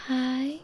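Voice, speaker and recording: Slow, whispering high-voiced woman. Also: slight background noise, low-quality recording. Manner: soft, breathy whispering with quiet laughs. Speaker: audio roleplay performer. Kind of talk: intimate whispered ASMR roleplay.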